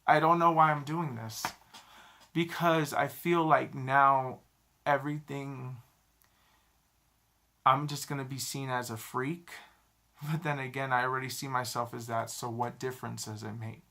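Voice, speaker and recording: Gravelly-voiced man in his thirties. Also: medium pitch, steady tone, sharp tone. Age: 30s. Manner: halting, self-critical, repeats phrases. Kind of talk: personal confessional vlog. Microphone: camera mic, talking to a camera.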